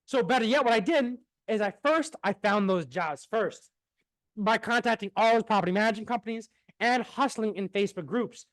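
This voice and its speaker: A man's voice: high-pitched, brisk, fairly bright tone, no room sound. A young man talking casually about marketing, rambling, repeating words and swearing now and then. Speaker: marketing entrepreneur. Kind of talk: casual business talk.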